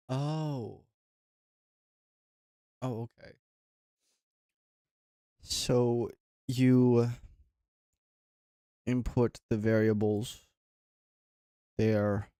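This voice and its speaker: A man's voice: on the low side, dark tone, no echo, studio quality. A man livestreaming while coding, thinking aloud in a mumbling, trailing-off way. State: talking with his mouth full.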